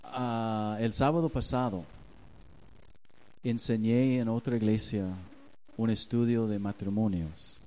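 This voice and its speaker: Man, pastor, sermon, unhurried and mellow, acts out dialogue. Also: on the low side, fairly even intonation. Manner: storytelling, acting out dialogue with God.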